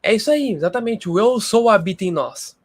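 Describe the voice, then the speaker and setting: High-voiced man teaching on a livestream. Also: lively intonation, a little fast, husky, no echo. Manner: emphatic, repeats himself. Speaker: spiritual livestream host. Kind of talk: casual spiritual teaching.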